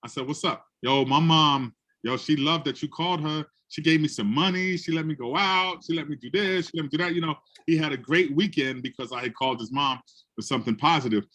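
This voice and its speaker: A man's voice: a little high, fairly quick. A man from the Bronx, an educator telling classroom stories in a conversation and acting out the people he quotes. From the Bronx, New York. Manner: animated, acts out quotes in other voices. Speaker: educator and guest speaker. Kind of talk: storytelling in a conversation.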